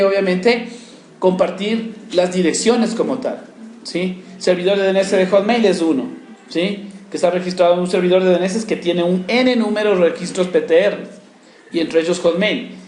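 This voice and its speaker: In an echoey classroom with faint room noise, a networking instructor walks his class through a live command-line demo, talking while he types and constantly checking in after each step. His voice sits high, with a darkish tone.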